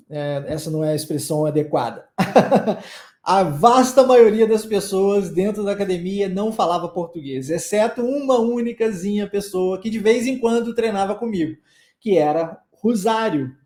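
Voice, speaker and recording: A man's voice: high voice, lively intonation, normal speed, dark tone, roomy sound. A man from Brazil, an English teacher, giving a chatty online lesson and having listeners repeat phrases.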